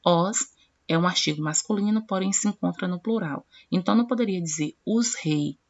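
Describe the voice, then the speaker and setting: A woman teaching a grammar lesson, explaining rules step by step, slowing down to read out example words and addressing her students directly. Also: fairly low pitch. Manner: explanatory, reads word pairs slowly and addresses students directly. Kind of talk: classroom-style grammar lesson. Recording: dull lo-fi recording.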